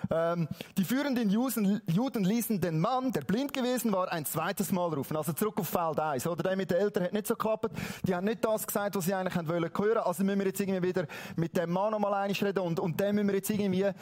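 A man's voice: high-pitched, a little mellow. A man with a Swiss German accent preaching, retelling a Bible story in a conversational way and often checking in with his listeners. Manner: conversational, asks "oder?" often, dramatic slow readings.

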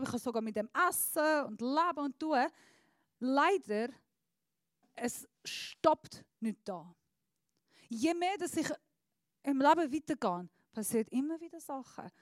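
A woman with a high, bright voice preaches a sermon, speaking slowly and deliberately with pauses. She swings from hushed, soft phrases to loud, emphatic appeals. The handheld microphone sounds close and dry. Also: dry recording.

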